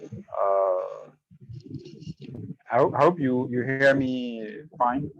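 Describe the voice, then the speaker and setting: A man from Ivory Coast with an Ivorian accent, introducing himself informally and haltingly, repeating words as he goes. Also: mid-range voice, dry recording, dull audio. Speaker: first-time guest at a meeting.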